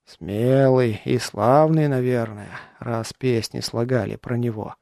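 A man voicing a burly, blunt medieval male warrior in an audiobook, speaking slowly and heavily. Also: mid-range voice, steady tone, vocal fry, a little mellow, no room sound, clean studio sound. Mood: musing.

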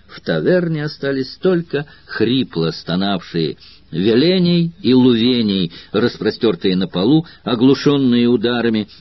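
A man's voice: on the low side, no echo, muffled recording. A man reading a dramatic audiobook steadily on a close mic. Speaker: audiobook narrator.

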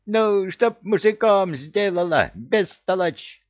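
A man voicing a loud, hysterical male parrot who squawks, gossips and brandishes threats. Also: high-pitched, lively intonation, takes it slowly, no echo, highs cut off, voice pushed up. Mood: gloating.

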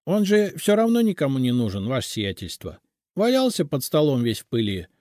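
Man voicing a timid little male house spirit, higher and lilting, deferential, audiobook. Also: huge pitch swings, brisk, darkish tone, no room sound, clean studio sound. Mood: earnest. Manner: mumbling, deferential. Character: small humble male house spirit, shy and eager.

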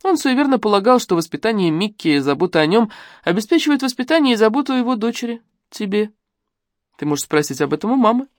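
A woman's voice: medium pitch, big pitch swings, quick pace, no echo, clean studio sound, voice pushed up, close to an everyday voice. A woman reading an audiobook and voicing a cold, mocking middle-aged widow who speaks curtly. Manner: cool, curt, mocking. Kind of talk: audiobook dialogue.

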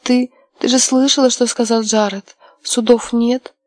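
A woman's voice: on the high side, steady tone, a little slow, a little mellow, no room sound, pitched above the performer's own voice, close to an everyday voice. A woman voicing a sobbing young bride. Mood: tearful. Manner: sobbing, faltering. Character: tearful heartbroken young bride-to-be.

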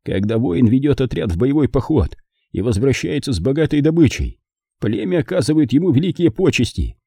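A man doing a wounded older frontiersman, his voice husky and worn as he faces death. He speaks in weak, halting phrases with a wide swing of pitch. The sound is close and dry. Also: sing-song, warm tone, no room sound. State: dying, coughing. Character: dying older frontiersman uncle, gruff and stoic.

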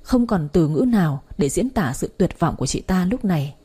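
Warm, husky woman storyteller. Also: lowish voice, moderate pace. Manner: steady dramatic reading, voices quoted lines. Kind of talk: storytelling narration.

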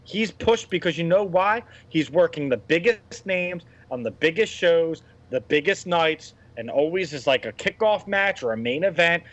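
A man's voice: fairly high pitch, expressive, normal speed, few pauses, fairly bright tone. A man in his thirties co-hosting a casual wrestling podcast, blunt and opinionated, rambling through his points. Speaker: podcast co-host. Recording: dull lo-fi audio.

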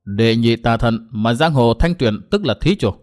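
A man's voice: mid-range voice, animated, moderate pace, a little mellow, pitched below the performer's own voice, lightly acted. A man voicing a stern old monk who guards a temple gate, formal and grave.

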